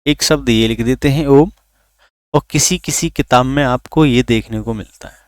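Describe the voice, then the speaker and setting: एक आदमी, जो रिकॉर्ड की गई ऑनलाइन क्लास पढ़ाता है, खुद सवाल पूछकर खुद जवाब देता है और स्वरों को खींचकर बोलता है।. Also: male voice, medium pitch, moderate pace, dry recording, clean studio sound. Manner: asks questions then answers them himself; drags out vowels to demonstrate. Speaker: teacher. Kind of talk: recorded online lesson.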